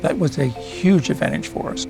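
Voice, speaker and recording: A man's voice: a little high, moderate pace, gravelly. A man who is a cancer researcher, explaining his work directly in an interview. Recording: music underneath. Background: music.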